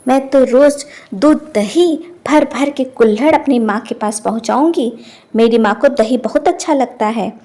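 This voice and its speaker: A woman's voice: a little high, moderate pace, dark tone, lightly acted. A woman voicing a stubborn, quarrelsome old village wife who scolds defiantly.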